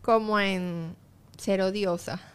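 A woman, a guest in a casual chat, easygoing and soft-spoken as she tells stories. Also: medium pitch, steady tone, slow, clear, resonant tone.

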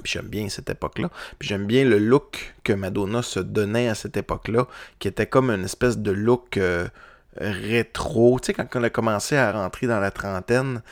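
A man's voice: fairly low pitch, normal speed, no room sound. A middle-aged man with a Québécois French accent, hosting a podcast and chatting casually about vinyl records, with many fillers and restarts. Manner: rambling, frequent fillers and restarts. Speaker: podcast host.

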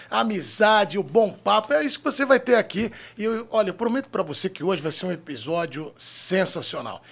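Male Brazilian host, ringmaster showmanship, high and forceful with some gravel. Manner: booming ringmaster-style announcer showmanship with drawn-out words. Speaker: show host. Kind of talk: theatrical show introduction. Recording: live studio with audience.

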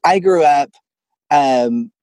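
Here an Arkansas man, phoning in from a closet at home, chuckles his way casually through a personal ghost story. His voice sits on the high side, a little mellow, and he takes his time; there's no echo.

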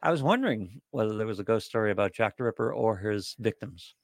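A man's voice: on the low side, expressive, fast talker, no room sound, clean studio sound. A man co-hosting a casual chat from the United States, asking lots of questions and arguing his points. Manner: curious, asks many questions, argues points.

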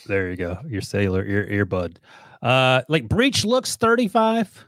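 A man's voice: mid-range voice, huge pitch swings, measured pace, fairly bright tone, no echo. A man in his forties co-hosting a sports podcast, with dry and sarcastic humor. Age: 40s. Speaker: podcast co-host. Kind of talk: casual sports podcast banter.

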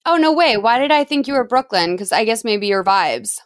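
A woman hosting a podcast in casual chat, chatty and curious with quick follow-up questions. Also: on the high side, big pitch swings, no echo, clean studio sound. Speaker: podcast host.

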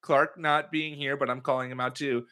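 On a casual sports podcast, the host jokes around and drifts in and out of put-on accents. His voice is medium-pitched and sharp, with little pitch movement and a normal speed.

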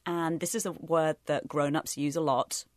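A woman in her late twenties co-hosts a relaxed podcast chat. She is wry and jokey, with a voice a little low for a woman. The sound is close and dry. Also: normal speed, dry recording. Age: late 20s. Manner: wry and joking, laughs often. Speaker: podcast co-host. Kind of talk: casual chat.

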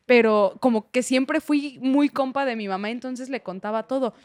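A woman's voice: sits high, moderate pace, a little mellow, no echo. A woman with a Mexican accent hosting a casual podcast chat, self-mocking and playful. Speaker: podcast host.

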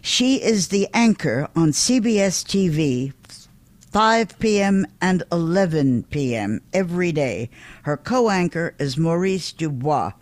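A man's voice: a little high, very animated, slow, no room sound. A man hosting an interview, asking questions in a playful, teasing and affectionate way. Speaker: interview host. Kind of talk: casual interview conversation.

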